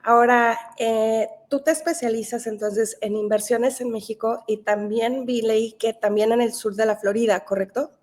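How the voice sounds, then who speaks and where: A woman's voice: a little high, fairly even intonation, moderate pace, hardly any pauses, a little mellow. A woman hosting an interview, greeting her guest and asking questions in a friendly way with short affirmations. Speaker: interview host. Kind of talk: hosted interview.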